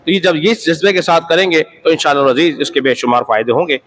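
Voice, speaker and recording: A man's voice: fairly high pitch, fast talker, a bit bright, poor audio. A man preaching an Islamic sermon, emphatic and repetitive, asking the audience rhetorical questions. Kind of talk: sermon lecture.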